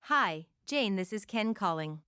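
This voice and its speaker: A woman at a mid pitch reads short practice phrases at an unhurried pace, repeating each one several times in an even, deliberate way. Her voice is smooth and clear, recorded dry and close with no room sound. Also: dry recording. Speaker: English phrase reader. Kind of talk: slow read-aloud of practice phrases.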